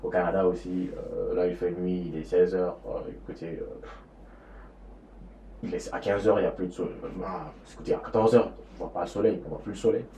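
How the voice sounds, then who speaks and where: A man's voice: deep voice, fairly even intonation, brisk, warm tone, a little hiss or hum. A young man from Niger talking casually in a vlog, rambling and repeating himself with many fillers. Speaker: student vlogger. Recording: roomy echo, faint ambience.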